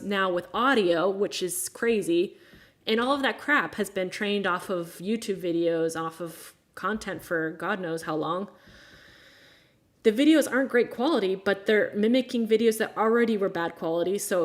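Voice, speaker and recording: Frank American woman in her thirties. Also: medium pitch. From United States. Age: 30s. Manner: frank, exasperated, sarcastic asides. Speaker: livestream host. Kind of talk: casual live chat.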